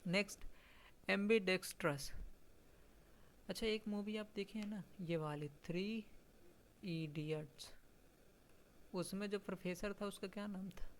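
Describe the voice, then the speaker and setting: A teacher giving an exam-prep vocabulary lesson, explaining patiently, checking often that students follow, and reading English definitions out very slowly. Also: mid-range voice, slight background noise.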